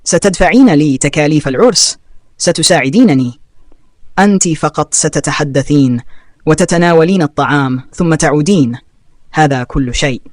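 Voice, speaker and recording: A man's voice: a little high, normal speed, no room sound, studio quality, lightly acted. A man reading a cold, scornful young brother. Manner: curt, scornful.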